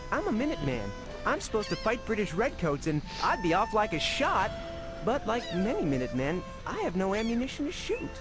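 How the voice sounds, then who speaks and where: Young Minuteman soldier, earnest, folksy, high voice, game music behind. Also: low-quality recording. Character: young colonial Minuteman soldier, restless and eager to fight. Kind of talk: 1990s educational game voice acting.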